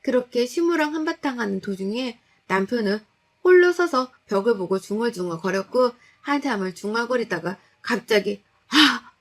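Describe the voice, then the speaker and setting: A woman telling a tense, unsettling first-person story in a confessional, retelling way. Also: medium pitch.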